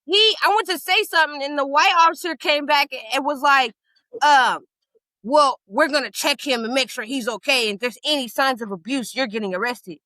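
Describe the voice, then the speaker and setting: A woman's voice: sits high, moderate pace, dry recording, low-quality recording. A woman co-hosting a casual podcast, telling a story with lots of profanity and acting out the people in it. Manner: animated storytelling, profane, acts out quotes. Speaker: podcast co-host. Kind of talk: casual chat.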